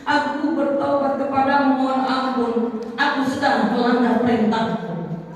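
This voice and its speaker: Animated woman preacher in an echoey hall. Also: sits high, normal speed, slight background noise. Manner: animated storytelling, calls out questions to the audience, sings verses. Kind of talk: sermon to a women's study group. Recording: echoey hall, distant mic.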